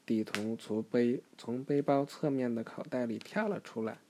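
Woman, reading aloud to a child, very low pitch, dark mellow tone, gentle, patient. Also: normal speed. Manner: gentle, patient, soft-spoken asides. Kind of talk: reading a picture book aloud.

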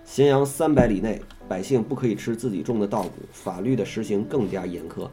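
A man with a warm, mellow voice reads an old history text in a steady, unhurried way. He keeps stopping to ask questions and make casual remarks. Soft guitar music plays quietly behind him. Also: fairly low pitch. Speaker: reader and explainer of a classical history text. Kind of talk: reading a classical text aloud and chatting about it.

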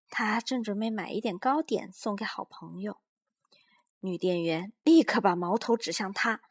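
A woman reading a children's storybook aloud with expressive, lively narration. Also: medium pitch.

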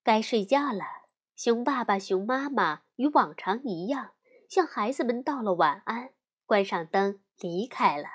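一位女性用缓慢而富有表现力的语气朗读儿童故事。. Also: female voice, a little high, husky. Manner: slow, expressive storytelling. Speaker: storyteller. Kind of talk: children's audiobook narration.

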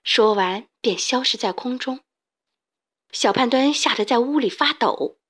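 A woman's voice: fairly high pitch, a little slow, a bit bright. Woman reading a children's story. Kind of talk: scripted storybook narration.

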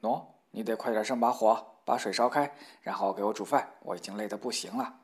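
A man's voice: on the low side, brisk, lightly acted. A man voicing a ragged wandering minstrel who speaks to his wife bluntly, in a storybook reading. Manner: plain, blunt.

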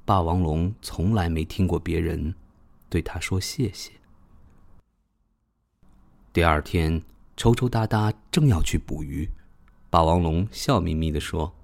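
A narrator reading a children's storybook with a gentle, expressive delivery. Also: sits low, measured pace, creaky, long pauses.

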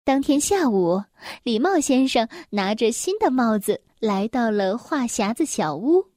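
A woman reading a children's story aloud in a gentle, expressive storytelling voice. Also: a little high, a little slow, no room sound, clean studio sound.

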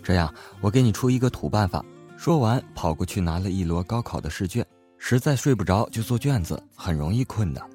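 A lower-voiced man tells short comic stories with lively energy. He slips into the voices of the people in his jokes as he goes. Faint music plays under his voice. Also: a little fast. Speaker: joke narrator.

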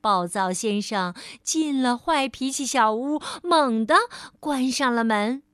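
Woman storyteller, high voice, very slow, gentle, reading a picture book to a child, dry close sound. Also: clear, resonant tone, dry recording. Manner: gentle, addresses the listener as darling.

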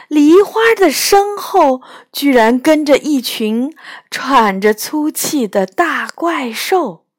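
A woman reads a children's story aloud in the first person, with an expressive manner. Her voice moves a great deal in pitch and she keeps a slow, careful pace. The sound is close and dry. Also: dry recording.

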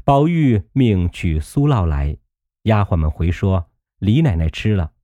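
A man narrating a classic novel as an audiobook, in a measured storytelling manner. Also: low voice, lively intonation, warm tone, no room sound, lo-fi sound.

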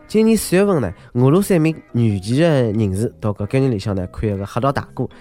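A man's voice: medium pitch, lively intonation, fast talker, dark tone, soft background music. A man with a Shanghainese accent hosting a scripted humorous news show, joking and exclaiming like a theatrical storyteller. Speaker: host of a comedic news podcast.

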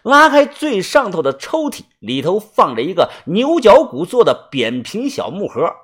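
A man telling a first-person story for an audiobook with a husky, slightly raspy voice. His pitch sits a little high and moves a lot. He talks in a chatty, relaxed way, stretching out small filler syllables. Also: normal speed. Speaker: audiobook narrator.

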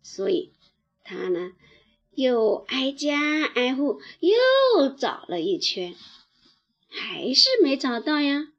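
A woman teacher telling a bedtime story to children, slow and gentle with lively storytelling. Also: sits high, muffled recording.

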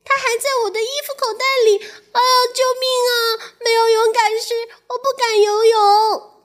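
A woman doing a squeaky timid little mouse. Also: slow. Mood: panicked. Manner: squeaky, hesitant, high-pitched. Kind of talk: children's storybook reading.

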